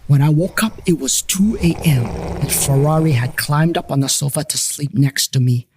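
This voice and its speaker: A man with a fairly high voice tells a scripted, comic first-person story at a normal speed, tossing wry, irreverent asides to the listener. He narrates and hosts a paranormal investigations series, and plucked guitar music plays against a noisy background.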